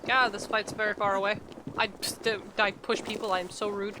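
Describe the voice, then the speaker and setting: A woman's voice: mid-range voice, flat delivery, fairly quick. A woman doing casual gameplay commentary, playful and full of exclamations as she chats to the game characters. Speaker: game streamer. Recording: clear game noise behind.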